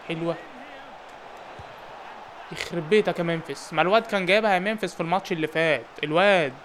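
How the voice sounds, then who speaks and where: A young man with an Egyptian Arabic accent giving joking, excited commentary on a football game and shouting at his players. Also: fairly high pitch, fast, a little hiss or hum. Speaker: gaming YouTuber.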